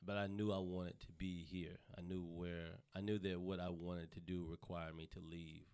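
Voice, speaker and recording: Gravelly Southern man telling stories. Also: deep voice, moderate pace. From North Carolina, US. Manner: profane, animated storytelling. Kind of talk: casual podcast chat.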